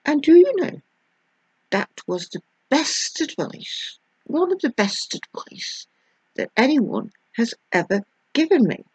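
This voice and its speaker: A woman's voice: sits high, very animated, slow pace, darkish tone, husky, dry recording. An older woman from the United Kingdom, a former nurse, giving advice straight to the viewer in a theatrical, emphatic way, sometimes mimicking tearful voices. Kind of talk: direct-to-camera advice monologue. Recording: dull lo-fi dry recording.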